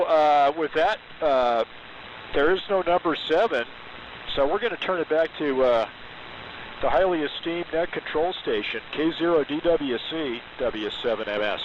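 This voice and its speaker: A man in his sixties talks shop over the air, his voice carried through a muffled AM radio signal. A steady static hiss sits under every word. He rambles through technical details, pausing often with fillers. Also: fairly high pitch. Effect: received over AM radio, with static hiss. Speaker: amateur radio operator checking in. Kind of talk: casual on-air chat. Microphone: radio transmitter with carbon mic.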